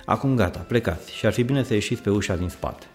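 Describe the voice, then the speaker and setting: A man voicing a bossy mother who gives sharp, commanding orders. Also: fairly low pitch, lively intonation, faint music behind, natural voice.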